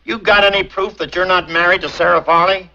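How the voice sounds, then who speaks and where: An actor playing a stern, self-righteous city official in 1940s screwball comedy banter, muffled by an old film soundtrack. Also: male voice, high-pitched, steady tone, brisk, creaky, bright, forceful tone, heavily acted.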